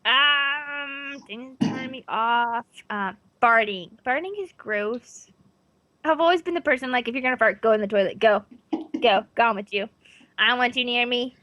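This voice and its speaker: A woman's voice: fairly high pitch, moderate pace, sharp tone, lo-fi sound. A young woman in her twenties, a streamer being interviewed, chatting casually in a bubbly, giggly way and swearing freely. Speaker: guest streamer.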